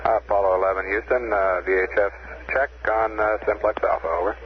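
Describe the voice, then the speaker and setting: Male capsule communicator, clipped procedure talk, dull space-radio transmission with clear static. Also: fairly low pitch, fairly even intonation, fairly quick. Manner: matter-of-fact, clipped. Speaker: mission control capsule communicator. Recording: muffled, noisy 1960s space radio.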